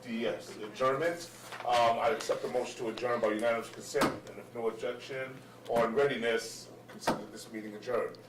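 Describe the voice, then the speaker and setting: A man chairing a school board meeting, speaking in a measured way and repeating words as he searches for them. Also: mid-range voice, steady tone, background noise. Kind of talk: formal board meeting remarks. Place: meeting room. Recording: echoey room mic from far off.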